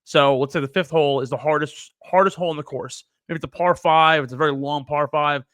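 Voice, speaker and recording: Bright-voiced man telling a golf story. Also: on the high side, fairly quick, dry recording, studio quality. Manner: animated, profane, acts out quoted people. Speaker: podcast co-host. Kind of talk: casual storytelling chat.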